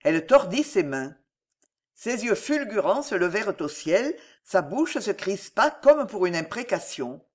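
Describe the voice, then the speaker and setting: A man with a French accent narrating a historical novel in an expressive, theatrical reading. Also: high-pitched, unhurried. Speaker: audiobook narrator. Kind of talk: dramatic literary narration.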